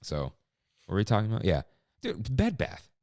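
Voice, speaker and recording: Lively man co-hosting a chat podcast. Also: lowish voice, moderate pace, no echo, studio quality. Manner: animated, laughs often, acts out quotes. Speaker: podcast co-host. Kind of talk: casual chat.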